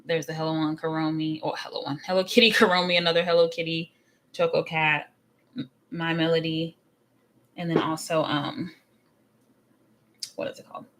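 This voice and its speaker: A woman in her late twenties from Texas, chatting casually and warmly on her first livestream, repeating words like so and like as she talks. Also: low-pitched, little pitch movement, normal speed, pauses often. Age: late 20s. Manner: chatty, bubbly, many repeats of so and like. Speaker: anime reaction streamer. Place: at home in front of a camera.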